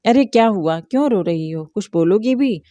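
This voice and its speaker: A woman voicing a worried middle-aged mother who scolds with sharp, rapid questions. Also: medium pitch, lively intonation, no room sound, muffled recording, natural voice.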